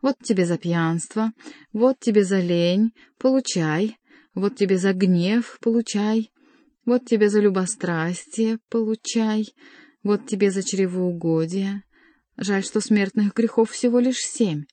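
A woman voicing a sharp-tongued male jester who scolds and mocks as he takes his revenge. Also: medium pitch, measured pace, dry recording, natural voice. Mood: mocking. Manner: mocking, scolding.

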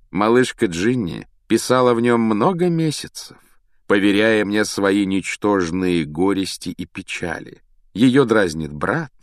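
A sinister teenage wizard , voiced by a man, talks slowly and smoothly with cold mockery. His voice sits fairly low, and the sound is dry and close. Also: no room sound. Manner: smooth, coolly mocking, unhurried. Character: sinister teenage boy wizard, calm and cruel.

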